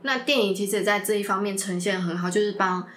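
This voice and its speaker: A woman hosting a podcast, chatting casually in an expressive, emphatic way. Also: medium pitch, quick pace. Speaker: podcast host. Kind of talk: casual chat about a film.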